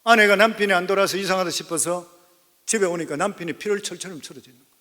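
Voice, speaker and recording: Bright-voiced pastor preaching in a reverberant church. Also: male voice, high voice, fast. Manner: storytelling sermon, rising to emphatic exhortation. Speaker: senior pastor. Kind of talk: sermon. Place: church sanctuary.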